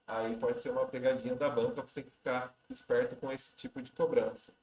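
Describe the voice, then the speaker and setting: A man's voice: mid-range voice, fairly even intonation, brisk, a little mellow, reverberant, rough recording. A man walking through exam questions in a casual, conversational teaching manner, often restarting words mid-sentence. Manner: conversational, repeats and restarts words while explaining. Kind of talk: casual explanatory lesson.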